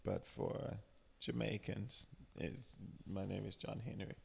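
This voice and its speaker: A man acting as guest host and interviewer in casual chat, prompting briskly like an announcer. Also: lowish voice, steady tone, vocal fry, breathy edge.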